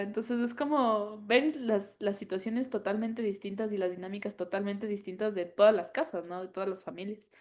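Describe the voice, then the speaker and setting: A woman's voice: medium pitch, darkish tone. A woman, a mother chatting as a podcast guest, telling stories with many fillers and laughs. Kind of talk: casual chat.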